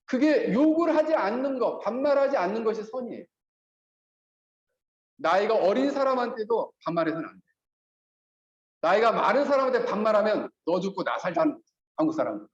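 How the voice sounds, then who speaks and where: A male pastor preaching with a high, lively voice that swings widely in pitch, acting out the lines he quotes. The sound is roomy and a bit dull, like a church sanctuary recording. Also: a little fast, long pauses. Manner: animated preaching, acts out quoted speech. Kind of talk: sermon.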